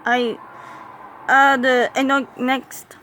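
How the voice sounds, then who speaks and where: A woman voicing a stern, bored female English teacher who speaks in slow, flat English phrases. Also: sits high, a little hiss or hum, heavily acted. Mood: blasé.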